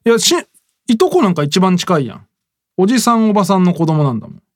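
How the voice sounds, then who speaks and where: A man's voice: high voice, animated, fast talker, no echo, studio quality. A man with a Kansai Japanese accent in a casual chat, talking bluntly in colloquial dialect. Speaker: podcast host.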